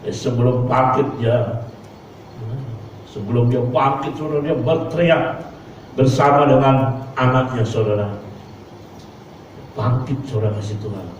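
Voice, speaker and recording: A male pastor preaching a sermon, punctuating his phrases with a repeated address to the congregation and acting out quoted voices with big pitch jumps. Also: a little slow, pauses often, slight background noise. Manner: preacher's refrain of "saudara kasih Tuhan" between phrases. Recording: echoey church hall from far off, dull.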